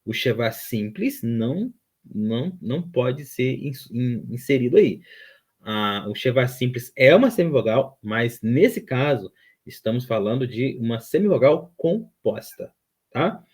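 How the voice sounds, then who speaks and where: A man at a medium pitch, speaking very slowly. He explains step by step like a patient teacher, repeating each term and checking in with his listeners. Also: expressive, darkish tone, slightly rough. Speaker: Hebrew teacher. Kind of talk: online grammar lesson.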